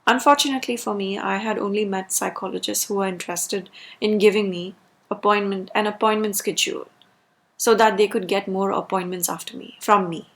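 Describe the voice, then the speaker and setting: A woman speaks in an ordinary mid-range pitch with a strongly creaky, fried edge. She delivers a personal rant as a video creator. Her phrasing is emphatic, with key words repeated for stress. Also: little pitch movement, normal speed.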